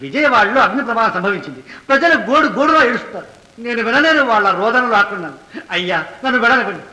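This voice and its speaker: A man's voice: very high voice, big pitch swings, very fast, bright, forceful tone, full character voice. A man playing a pompous, self-righteous politician testifying in court in an old film. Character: pompous self-important male politician witness. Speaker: witness in court. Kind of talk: 1970s Telugu film acting. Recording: echoey old film soundtrack.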